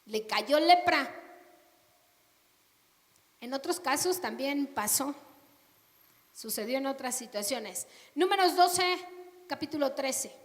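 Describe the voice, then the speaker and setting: A woman's voice: high voice, expressive, slow, pauses often. A woman preacher giving a sermon, telling a story with rhetorical questions to the congregation. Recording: long reverb of a hall.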